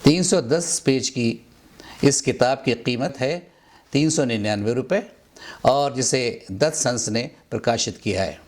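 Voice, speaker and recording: A man teaching Urdu pronunciation, carefully repeating each word to drill the correct sound. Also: medium pitch. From India. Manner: deliberate, repeats words for drill. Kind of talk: slow instructional explanation. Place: Mumbai.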